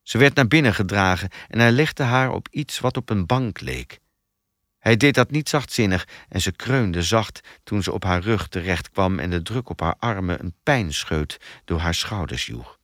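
Brief: male audiobook narrator, lowish voice, lively intonation, dry close sound. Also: normal speed, dry recording. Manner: expressive storytelling.

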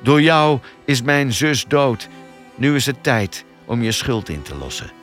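A man voicing a big, brutal man full of rage, growling slow threats in a raw, rough voice. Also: lowish voice, sing-song, a bit bright, soft background music. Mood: furious.

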